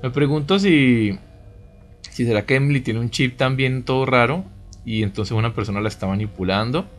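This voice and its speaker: Comentarista colombiano de videojuegos con música de fondo. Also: male voice, mid-range voice, normal speed. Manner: chatty, reacts with exclamations and asides. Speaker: video game let's play host. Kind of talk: casual playthrough commentary, reading game dialogue aloud. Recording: music behind the voice. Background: game music.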